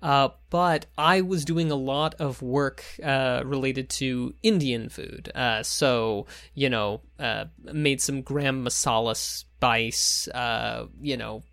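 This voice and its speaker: A man's voice: mid-range voice, steady tone, slow pace, vocal fry, hardly any pauses, fairly bright tone. A man chats casually as a podcast co-host. He feels his way through explanations in a hesitant, rambling manner. The sound is dry and free of room echo. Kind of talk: casual chat.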